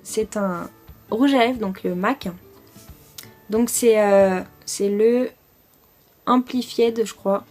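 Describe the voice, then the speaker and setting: A woman's voice: mid-range voice, slow pace, pauses often, a little mellow, faint music behind. A young French woman chatting casually through a makeup product review, enthusiastic and full of fillers. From France. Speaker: beauty vlogger.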